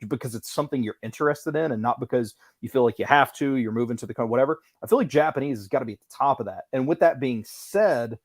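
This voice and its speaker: A man who is a guest on a livestream, talking in quick, animated bursts full of fillers. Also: medium pitch, no room sound, studio quality. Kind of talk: casual livestream chat.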